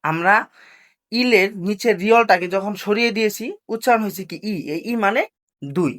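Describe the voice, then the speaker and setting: A woman leads a language lesson in a steady, middle-pitched voice. She drills the class by putting each point as a question and answering it herself. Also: moderate pace. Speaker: Korean language teacher.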